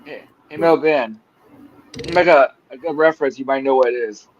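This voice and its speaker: A man's voice: medium pitch, moderate pace. Chatty man in his forties, dull audio. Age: 40s. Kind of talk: casual livestream chat.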